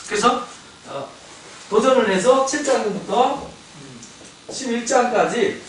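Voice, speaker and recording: A male pastor giving a Bible lecture sermon, animated, acting out the voices of biblical figures and asking the congregation questions. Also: very high-pitched, takes it slowly, slight background noise. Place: church sanctuary. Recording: echoey church hall, mic at a distance.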